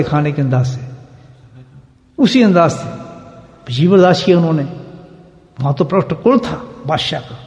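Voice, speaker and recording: High-voiced impassioned preacher in an echoing hall. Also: male voice, highs cut off. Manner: impassioned, rhetorical questions, swings from loud emphasis to hushed asides. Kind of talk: sermon at a remembrance gathering. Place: gathering hall. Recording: echoey hall with long reverb.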